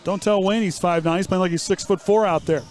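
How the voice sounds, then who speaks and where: A man calling play-by-play for a high school basketball game, with joking banter between plays. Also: fairly even intonation, quick pace, a little mellow. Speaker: play-by-play announcer. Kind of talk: live basketball commentary.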